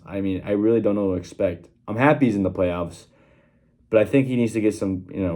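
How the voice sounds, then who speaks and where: Talking to his viewers in a single casual take, a young channel host records sports predictions on his phone in a small workroom at home. His voice is warm and on the low side, and his conversational style is peppered with fillers and restarts.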